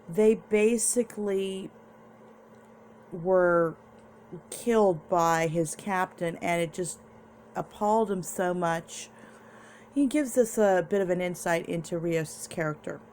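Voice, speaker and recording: A woman's voice: on the low side, takes it slowly, long pauses, a little mellow, slight background noise. A young woman vlogger casually recapping and reviewing a TV episode, chatty and meandering, with restarts.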